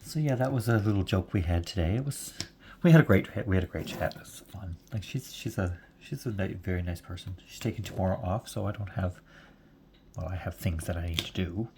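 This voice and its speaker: A man in his forties talks on casually as he works through his knitting, rambling from one story to the next and chuckling along the way. His voice sits on the low side, with a faint hiss in the background. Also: a little fast, a little mellow. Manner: chatty and rambling, with frequent chuckles. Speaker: knitting vlogger. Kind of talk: casual chat while knitting.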